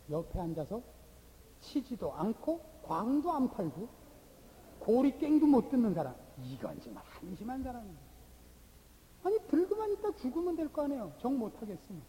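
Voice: mid-range voice, mellow, long reverb tail, slight background noise, low-quality recording. A pastor preaching a sermon, scolding the congregation with rhetorical questions and wry, teasing humor.

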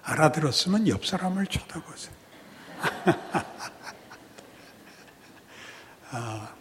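A man preaching a sermon as pastor, swinging from hushed near-whispers to loud, impassioned outbursts in a dramatic, preacherly way. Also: high-pitched, slight background noise. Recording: long hall reverb.

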